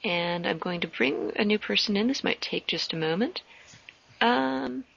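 Female host, mid-pitched with vocal fry, friendly and halting, lo-fi call audio. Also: expressive, a bit bright. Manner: friendly, halting, many ums. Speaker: podcast host. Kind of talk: hosting a casual podcast call. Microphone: computer mic on a voice call. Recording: muffled lo-fi internet call audio.

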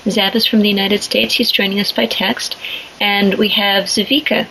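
A woman hosts a podcast panel over remote call audio, asking friendly, guiding questions in a conversational tone. Her voice sits at an ordinary middle pitch. A faint hiss runs under the line. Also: flat delivery, normal speed, gravelly, pushed and bright, low-quality recording. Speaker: podcast host. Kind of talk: moderating a panel discussion.

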